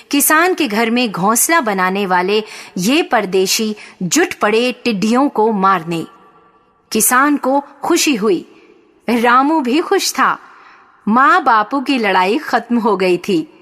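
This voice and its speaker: A woman reads a storybook tale in a slow, unhurried way. Her voice sits somewhat high, and her delivery stays calm and measured. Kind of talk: scripted storybook narration.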